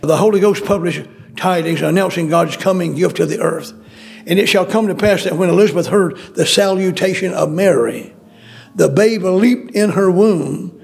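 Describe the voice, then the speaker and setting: Gravelly high-voiced preacher man. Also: moderate pace, a little mellow, soft background music. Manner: reads verses then comments in plain folksy asides. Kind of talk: sermon reading and explaining scripture.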